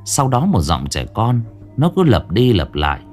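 A man tells a ghost story in a fairly low voice. His delivery is dramatic and animated, swinging widely in pitch to build suspense. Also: normal speed, faint music behind.

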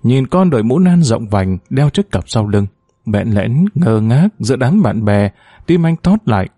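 A man narrating a story aloud in a measured, expressive audiobook style. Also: medium pitch, slightly rough, no echo, clean studio sound.

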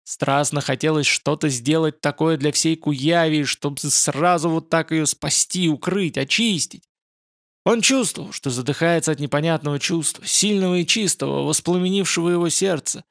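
A man narrating a fantasy novel as an audiobook in an even storytelling manner. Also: on the high side, moderate pace, dry recording, clean studio sound.

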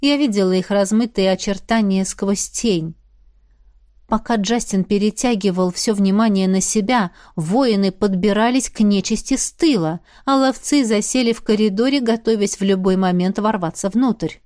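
A woman giving an expressive, dramatic reading as a fantasy audiobook narrator. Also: mid-range voice, moderate pace, dry recording, studio quality.

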